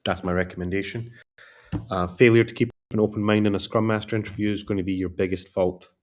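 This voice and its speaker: Tired low-voiced man chatting on a livestream. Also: fast. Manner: relaxed, rambling, repeats calls to like and subscribe. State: tired, yawning. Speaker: career coach livestreaming. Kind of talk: casual livestream chat.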